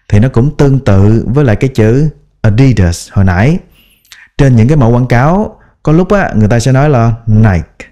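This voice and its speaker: A man leads a pronunciation lesson in a mellow, warm voice, patiently breaking words into sounds. He repeats each example word slowly and carefully. His pacing is unhurried throughout. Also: medium pitch. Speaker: English pronunciation teacher. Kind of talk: slow instructional pronunciation lesson.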